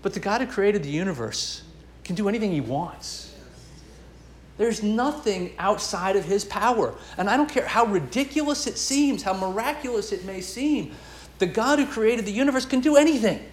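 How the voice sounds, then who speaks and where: A man's voice: high-pitched, expressive, normal speed, roomy sound, a little hiss or hum. A man preaching a sermon as pastor, earnest and emphatic, building and dropping his intensity.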